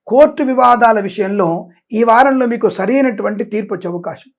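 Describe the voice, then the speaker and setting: A man giving weekly horoscope predictions as an astrologer. He rattles off long lists of blessings and breaks into preachy, sarcastic asides. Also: high-pitched. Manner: preachy, moralizing.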